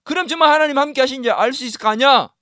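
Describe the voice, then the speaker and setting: Preaching in a church sanctuary, this pastor puts frequent questions to the congregation and acts out doubting believers' words as if they were his own. He speaks very fast in a very high, sharp voice. The sound is dry and studio quality.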